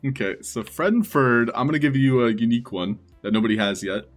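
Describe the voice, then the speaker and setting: A man's voice: mid-range voice, fairly quick, soft background music. A man hosting a live stream, chatting casually with his viewers.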